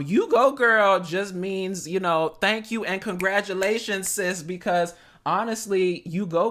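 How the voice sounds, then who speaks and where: A man in his thirties with a naturally high voice, hosting his own casual podcast in an animated, sassy way. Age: 30s. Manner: animated, sassy, with playful exclamations. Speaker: podcast host.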